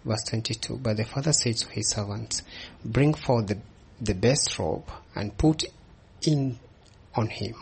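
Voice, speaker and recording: A man preaching in English, reading scripture aloud in short halting phrases and pausing for an interpreter. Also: fairly low pitch, gravelly, a little mellow, breathy edge. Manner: reads scripture haltingly, with restarts and pauses for the interpreter. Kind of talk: sermon with live interpretation.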